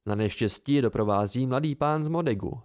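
A man voicing a calm, dry-humored young man who speaks in a measured way, in an amateur audiobook. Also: mid-range voice, natural voice.

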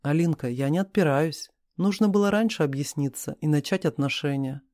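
A man voicing a stubborn, devoted young husband who speaks calmly and evenly. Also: fairly high pitch, fairly quick, no echo, clean studio sound, close to an everyday voice.

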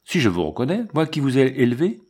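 A man's voice: medium pitch, sing-song, fast talker, a little mellow, breathy edge, pitched above the performer's own voice. A man reading the part of a loyal, discreet old family servant, earnest and respectful, for an audiobook. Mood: devoted.

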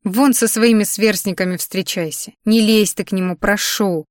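A woman's voice: medium pitch, steady tone, moderate pace, dry recording, studio quality, natural voice. A woman voicing a worried aunt in her late thirties who scolds and pleads with her niece in an audiobook. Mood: pleading, scolding.

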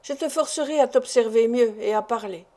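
A woman's voice: fairly high pitch, moderate pace, dark tone, close to an everyday voice. A woman reading as a suspicious doctor husband. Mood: insistent. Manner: probing, pressing questions. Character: anxious, suspicious doctor husband, a grown man.

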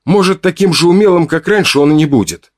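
A man's voice: on the high side, lively intonation, fast talker, pitched above the performer's own voice. A man voicing a young tribesman healer who speaks up earnestly and insistently. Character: young male tribesman, stubborn healer standing his ground.

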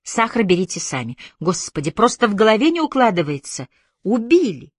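A woman's voice: medium pitch, very animated, fairly quick, husky, dry recording, clean studio sound, voice pushed up. A woman reading an audiobook voices a cheeky, chatty young actress with breezy banter. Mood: shaken.

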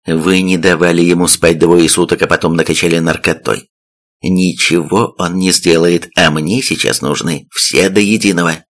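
A man's voice: deep voice, steady tone, normal speed, a bit bright. A man voicing a curt, commanding military captain in an audiobook.

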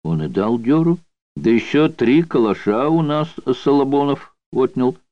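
Man reading as a chatty old convict, coarse slang, mocking, lively pitch, dull dry recording. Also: measured pace, no echo, natural voice. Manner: coarse barracks slang, mocking yarn-spinning.

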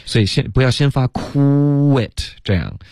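A man teaching English on a radio lesson, patiently explaining pronunciation step by step and demonstrating sounds slowly. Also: mid-range voice, big pitch swings, creaky, darkish tone, no echo, clean studio sound. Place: radio studio.

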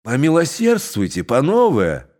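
A man's voice: mid-range voice, huge pitch swings, unhurried, darkish tone. A man voicing an old, shrewd Cossack who answers in a modest, pleading way. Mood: humble. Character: old shrewd Cossack, mild, falsely humble.

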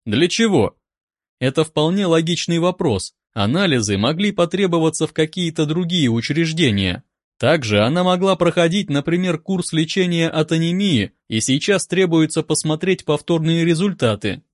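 A man calmly reading a first-person audiobook in an even, wry manner, close to a studio mic. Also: a little high, moderate pace, dry recording. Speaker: audiobook narrator.

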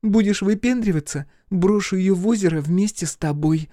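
A man's voice: high voice, moderate pace, warm tone, no echo, studio quality, pitched above the performer's own voice, lightly acted. A man voicing a bold, mocking female centaur who teases and threatens.

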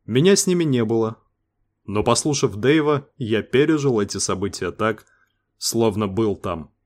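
A man narrating a science-fiction story in a measured, even way. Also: lowish voice. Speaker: audiobook narrator.

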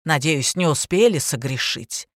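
A bitter, drunk middle-aged woman from an audiobook, loud and scornful, stretching her words out slowly, as a woman reader puts her on. Her voice is dry and close, without room sound. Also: low-pitched, expressive, dry recording, voice pushed down. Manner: shouting, mocking, drawn-out slow delivery.

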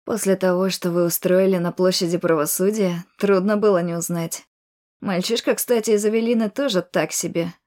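A woman's voice: lowish voice, steady tone, moderate pace, darkish tone, close to an everyday voice. A woman voicing a confident, arrogant young nobleman mage, cool and mocking.

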